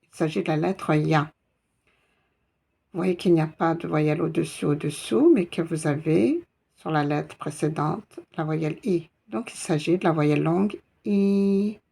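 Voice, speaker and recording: Lady teacher going real slow, husky gravelly voice, spells out each sound patiently. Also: low voice, mellow. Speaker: Arabic teacher. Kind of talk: slow step-by-step reading lesson.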